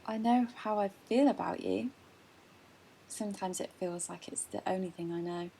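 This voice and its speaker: A young actress playing a shy teenage girl in first love, hesitant, soft and self-deprecating. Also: medium pitch, normal speed, gravelly, slight background noise, close to an everyday voice. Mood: tender. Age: young adult. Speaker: student actor. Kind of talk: stage drama dialogue.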